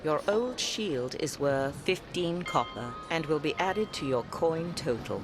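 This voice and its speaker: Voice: mid-range voice, animated, a little slow. A game narrator reading scripted menu prompts and instructions. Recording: reverberant, music behind.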